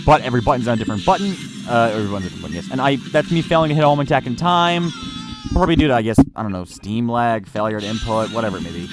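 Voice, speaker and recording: Game music runs under a man's very fast, mid-range voice in this poor-quality audio. As a let's play narrator reviewing gameplay, he offers loose, rambling commentary, often repeating or correcting himself mid-sentence.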